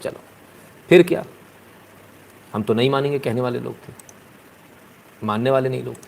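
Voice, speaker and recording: A man's voice: medium pitch, normal speed, vocal fry, a little mellow. A man hosting political commentary in a mocking, scornful rant. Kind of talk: sarcastic commentary.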